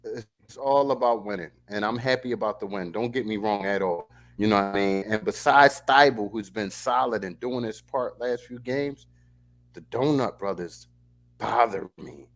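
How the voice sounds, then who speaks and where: A man's voice: lowish voice, normal speed, fairly bright tone. A man hosting a casual fan post-game show, talking emphatically and playfully. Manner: emphatic, playful, talks over others. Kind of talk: casual sports chat.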